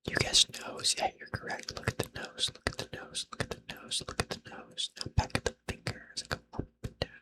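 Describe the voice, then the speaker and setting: A man's voice: brisk, hardly any pauses. Man in whispered role-play, barely audible. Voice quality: breathy, unvoiced whisper. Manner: rambling, repeats short phrases over and over; playful, self-deprecating, teasing. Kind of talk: whispered role-play, unscripted ASMR eye exam.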